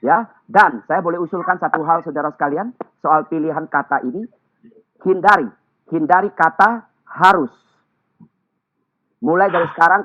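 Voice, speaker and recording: Guy coaching public speaking in a webinar, super clear diction, thin phone-ish sound. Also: fairly high pitch. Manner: clear, carefully articulated, lively teaching delivery. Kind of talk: webinar talk. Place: remote video call. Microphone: computer or phone mic on a video call. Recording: tinny phone-like online call audio.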